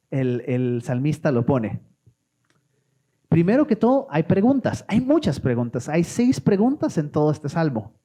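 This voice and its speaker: A man preaching a sermon, often asking the congregation questions. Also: a little high. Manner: animated, asks the congregation questions.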